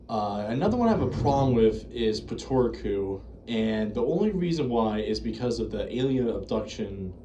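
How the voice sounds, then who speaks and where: An American video creator reviewing horror series talks in a lowish, warm voice, rambling casually, hesitating, and correcting himself without a script. Slight background noise is present.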